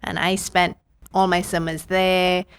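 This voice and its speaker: Chatty low-voiced woman from Trinidad. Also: little pitch movement, unhurried, smooth. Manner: chatty storyteller, quotes her own past thoughts. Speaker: prosthodontist guest. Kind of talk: casual podcast interview.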